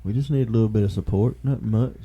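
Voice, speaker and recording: Man, Southern drawl, low voice, dark mellow tone, laid-back podcast host, casual chat. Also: quick pace, slightly rough, dull audio. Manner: laid-back, laughs easily, rambling pitches for support.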